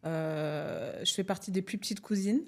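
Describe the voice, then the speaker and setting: A woman's voice: lowish voice, moderate pace, darkish tone. A middle-aged woman from France, speaking as a podcast guest, hesitant and full of fillers. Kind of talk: casual podcast conversation.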